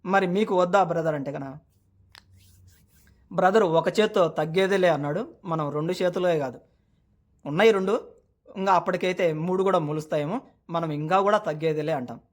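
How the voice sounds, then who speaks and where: A man's voice: sits high, brisk, pauses often. A man vlogging in a casual, chatty way, retelling a news story and calling his viewers brother, with lots of filler words.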